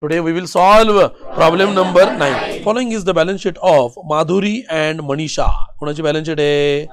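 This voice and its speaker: Marathi guy teaching accounts, high voice, keeps pushing class to answer fast. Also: a crowd in the background. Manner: rapid questions, repeatedly urging students to answer quickly. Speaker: commerce teacher. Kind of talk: classroom lecture with call-and-response drilling.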